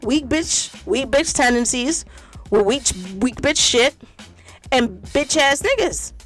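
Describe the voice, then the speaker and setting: A woman with a fairly high voice holds forth alone on her podcast in a loose, unscripted rant. She is blunt and profane, hammering her points by saying them again and again. Soft music plays faintly underneath. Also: lively intonation, slow. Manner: blunt, profane, emphatic, repeats points for effect. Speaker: podcast host. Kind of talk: casual monologue rant.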